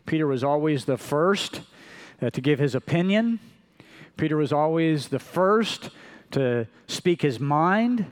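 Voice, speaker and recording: A man's voice: lively intonation, a little slow. Man preaching a sermon, telling Bible stories. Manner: storytelling, acting out quotes with shifting pitch and loudness. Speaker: pastor.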